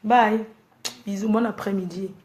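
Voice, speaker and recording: A woman's voice: mid-range voice, steady tone, a little slow, darkish tone, reverberant, slight background noise. A woman ranting at her fans on a casual live stream, scolding and exasperated as she lectures her viewers. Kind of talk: casual Facebook live rant.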